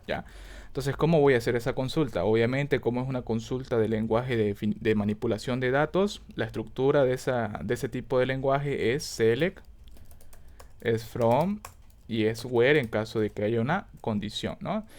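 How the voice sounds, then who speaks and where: Casting: male instructor, mid pitch, patient step-by-step lesson, frequent check-ins, thinks aloud and self-corrects. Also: moderate pace, darkish tone. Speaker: teacher. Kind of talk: screen-recorded coding lesson.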